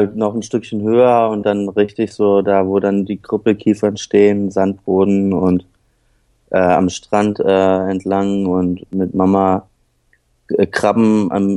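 A man from northern Germany, a guest on a casual podcast, reminiscing in a rambling, halting way. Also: deep voice, level tone, dark tone, no echo.

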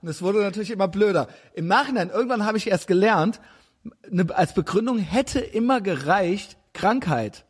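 A man chatting casually as a podcast co-host, blunt, rambling and self-mocking, with a husky voice. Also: high-pitched, expressive, normal speed. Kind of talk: casual chat.

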